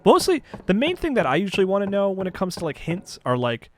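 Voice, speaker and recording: Male streamer, casual, rambling and self-mocking, pitch swings around, noisy mic. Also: huge pitch swings, fast talker. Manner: chatty, self-deprecating, thinks aloud while playing. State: hiccuping and sneezing. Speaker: game streamer. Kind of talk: casual let's-play chat.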